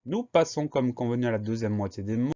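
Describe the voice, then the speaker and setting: A man teaching a spelling lesson, explaining each word and spelling it out letter by letter in a slow, deliberate way. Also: mid-range voice, warm tone, muffled recording.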